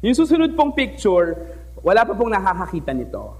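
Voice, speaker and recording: A young man from the Philippines speaks to an audience from a stage microphone, telling a story in a lively, joking way. His voice sits high for a man and rises and falls widely. He keeps drawing the crowd in with quick questions. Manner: lively, playful, switches between languages, asks the audience questions. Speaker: teacher giving a talk. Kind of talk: storytelling speech to a live audience. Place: stage in an event hall.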